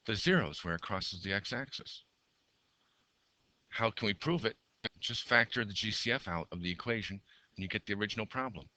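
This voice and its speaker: A man teaches a math lesson as he sketches graphs, counting out steps aloud, his voice a little worn from losing it. His pitch sits very low, yet the tone is bright and forceful. The sound is dry and close. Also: animated, moderate pace, long pauses, no echo. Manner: talks through each step while drawing, counts aloud.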